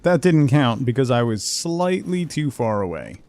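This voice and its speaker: A very animated male game streamer, medium in pitch and a little mellow, speaks at normal speed. He rambles through a casual livestream, talking with viewers and reading chat and game text aloud.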